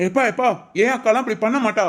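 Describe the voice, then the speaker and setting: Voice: mid-range voice, fast talker, close to an everyday voice. A voice actor playing a stubborn, defensive grown son in a family cartoon, curt in speech. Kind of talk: cartoon voice acting.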